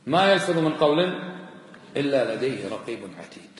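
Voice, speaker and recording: Admonishing sheikh in echoey hall. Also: male voice, medium pitch, animated, fairly quick. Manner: admonishing, questions the listener directly; recites verses in a raised chanting voice. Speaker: sheikh teaching a creed text. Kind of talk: sermon-style lesson.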